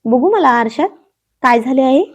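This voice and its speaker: A woman's voice: sits high, lively intonation, moderate pace, slightly rough. A woman voicing a bashful young woman who speaks coyly to her beloved. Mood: shy. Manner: shy, coy.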